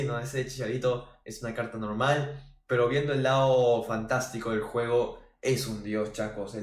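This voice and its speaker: A young man from Peru, commentating his own football video game as a reviewer and bursting into loud shouts over goals. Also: medium pitch, a little hiss or hum. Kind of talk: gameplay commentary. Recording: echoey room with music behind.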